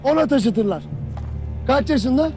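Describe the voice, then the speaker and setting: An actor playing a harsh commando captain who berates and shouts at his soldiers in a war film. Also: extremely high pitch, expressive, unhurried, soft background music, heavily acted. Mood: furious. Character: stern male commando captain, harsh, relentless. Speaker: army captain.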